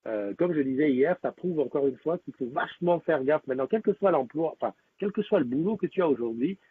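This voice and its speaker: A man's voice: fairly high pitch, animated, a little fast, slight background noise. A man hosting a live stream, chatting casually with viewers and rambling with many fillers and restarts. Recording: tinny, lo-fi phone-like sound.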